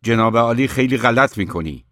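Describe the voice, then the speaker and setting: A hot-headed younger brother in an audiobook, quick to quarrel and blunt in his demands, as a male reader voices him. The voice is low and dry, with combative force behind it. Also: expressive, no room sound, close to an everyday voice. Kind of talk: audiobook reading.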